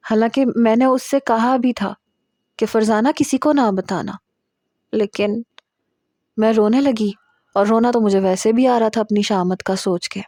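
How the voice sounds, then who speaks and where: A woman's voice: medium pitch, dark tone, no room sound, clean studio sound. Woman reading a romance novel aloud. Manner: confiding, storytelling delivery. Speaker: audiobook narrator.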